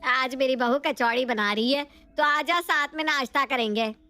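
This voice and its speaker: A bossy mother-in-law in a cartoon story, played by a woman in a high, bright register. She scolds and schemes in a sharp, sly manner, talking down to her daughter-in-law. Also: normal speed, clear, resonant tone, no echo. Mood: scheming.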